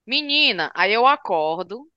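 A woman's voice: fairly high pitch, very animated, a little slow, dull audio, heavy background noise. A woman, co-hosting a casual chat and telling playful, teasing stories. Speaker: podcast co-host. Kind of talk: casual chat among friends.

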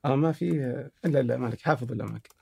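A man's voice: mid-range voice, rapid-fire, vocal fry, warm tone, slightly rough. A man with a Gulf Arabic accent hosting a podcast in casual conversation, teasing and giving short replies. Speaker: podcast host.

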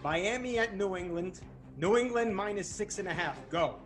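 A high-voiced man co-hosts a comedy sports show, tossing out picks and needling his guest with sarcastic jabs. His teasing is playful. Faint music hums beneath. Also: lively intonation, normal speed. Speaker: co-host. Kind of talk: comedic sports radio banter.

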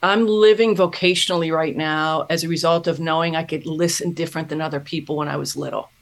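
A woman's voice: deep voice, steady tone. Earnest, reflective middle-aged woman. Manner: earnest, thoughtful, pauses and restarts mid-thought. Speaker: podcast guest, self-mastery mentor. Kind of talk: reflective personal storytelling.

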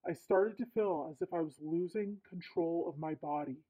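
A woman reading a listener's dream account aloud through a voice changer that disguises her voice, in steady first-person storytelling. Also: on the low side, normal speed, husky, pitched below the performer's own voice. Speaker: podcast host reading a listener's letter. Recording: tinny lo-fi processed sound.

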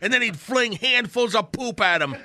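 A man's voice: very high voice, expressive, moderate pace, noisy background. A man playing a grumbling, cantankerous old man in a rambling, folksy comic radio monologue about the old days. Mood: gleefully ranting. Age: older. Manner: crotchety, rambling, folksy mock-nostalgic storytelling.

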